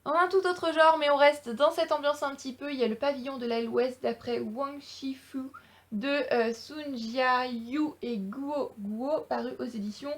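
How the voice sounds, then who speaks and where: A young woman with a French accent and a high, light voice talks through a casual book haul vlog. She sounds enthusiastic and chatty, pausing often on fillers as she goes. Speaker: booktuber.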